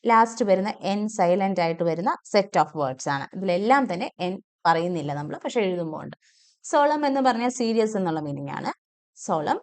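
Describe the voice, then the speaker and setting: Malayali woman teaching English pronunciation. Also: mid-range voice. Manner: repeats each word slowly and deliberately. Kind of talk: pronunciation lesson.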